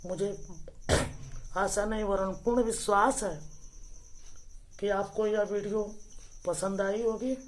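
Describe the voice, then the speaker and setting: A woman teaching the alphabet to children, reciting each letter slowly and correcting mispronunciations, calling viewers her dear friends. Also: mid-range voice, steady tone, a little hiss or hum. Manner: slow deliberate recitation of letters, correcting pronunciation.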